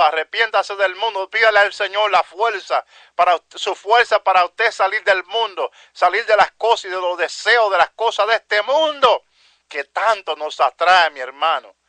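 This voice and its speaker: A man's voice: sits high, sharp tone, no echo. A man preaching a fervent evangelical sermon, repeating phrases and peppering his speech with exclamations of praise while addressing his listeners as brothers. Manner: peppers speech with "aleluya" and "santo Dios", addresses "mi hermano"; impassioned, repetitive preaching cadence.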